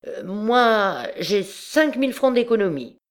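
A woman's voice: medium pitch, very animated, takes it slowly, pitched above the performer's own voice. A woman reading an audiobook, voicing a drunk, flustered old male Latin tutor who stammers and hesitates. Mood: stammering, tipsy.

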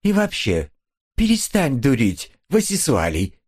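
A man's voice: medium pitch, wildly swooping pitch, measured pace, a little mellow, breathy edge, pitched above the performer's own voice, heavily acted. A man voicing a cold, impatient wife who answers in a curt, dismissive manner. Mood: irritated. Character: cold, impatient wife leaving her husband, adult. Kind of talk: audiobook character voice.

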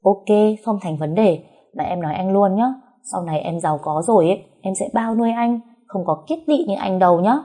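Woman as stubborn young heroine in a storybook, insistent, warm voice. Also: mid-range voice, expressive, brisk, close to an everyday voice.

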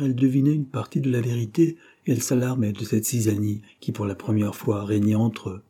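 A man narrates a novel in a measured, literary reading. His voice sits low with a dark, mellow tone and a husky grain. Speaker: audiobook reader.

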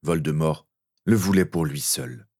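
A man narrating a fan-fiction story as an audiobook in a steady, earnest way. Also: extremely low pitch, a little slow.

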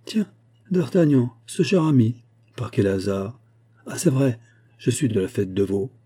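A big, good-natured swordsman who greets his friends heartily, voiced a touch higher than the reader's own register, as a man reads him aloud. The sound stays dark and husky, like an old storybook. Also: very animated, a little slow. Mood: jovial. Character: big, jovial male musketeer, just woken. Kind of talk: audiobook character reading.

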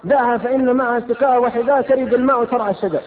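Man, preacher, rapid impassioned delivery, tinny old lecture tape, long hall echo. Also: extremely high pitch, fairly even intonation. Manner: impassioned, scolding, rhetorical questions. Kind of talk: fervent mosque lecture.

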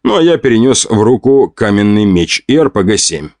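Brief: male audiobook narrator, animated first-person delivery, dry close mic. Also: lowish voice, brisk, dry recording. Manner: lively, expressive first-person storytelling.

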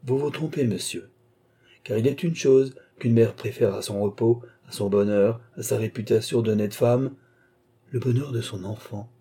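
A man voicing a long-suffering wife and mother who stands up to her husband, in a dark, husky voice raised a little above his own. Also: mid-range voice, normal speed. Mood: indignant. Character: wife, a resigned mother, now defiant, a woman of middle age.

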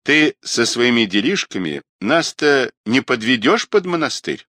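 A man's voice: medium pitch, very animated, measured pace, sharp tone, no echo, clean studio sound, pitched above the performer's own voice, exaggerated voice. A man voicing a stern, suspicious older retired colonel who scolds a younger man.

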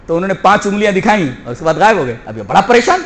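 A man preaching a sermon, reciting Arabic verses quickly and explaining them, moving between soft low passages and loud shouted emphasis. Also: very animated, a little hiss or hum. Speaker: Islamic preacher.

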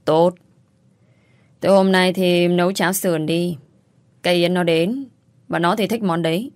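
In a told story with acted dialogue, a woman with a lowish voice plays a harsh, bullying sister-in-law, scolding and insulting with scorn. She speaks unhurriedly with fairly even intonation, and the recording is dry.

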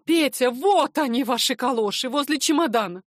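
A woman's voice: high-pitched, lively intonation, normal speed, no echo, clean studio sound, pitched above the performer's own voice. A woman reading the part of a tearful, hardworking young woman who pleads and fusses. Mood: pleading.

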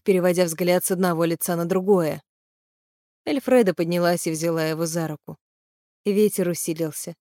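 A woman reading a fantasy novel aloud in steady, even storytelling narration. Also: on the low side, dry recording, studio quality. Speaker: audiobook reader.

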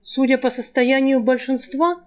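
A woman's voice: sits high, moderate pace, lightly acted. A woman voicing a sardonic young foreign man in an audiobook, dry and teasing in his manner. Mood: mocking. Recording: dull lo-fi recording.

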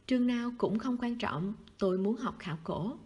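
A woman reading the lines of a wistful, quiet teenage schoolboy in a soft, husky voice. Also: animated, moderate pace, dull audio. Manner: soft, low-key, sighing.

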